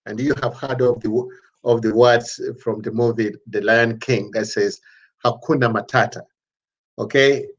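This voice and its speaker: A man's voice: medium pitch, steady tone. A man teaching an introductory online language lesson, patiently sounding out syllables and often restarting his sentences. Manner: patient, repeats syllables slowly, many restarts. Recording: slightly dull lo-fi audio.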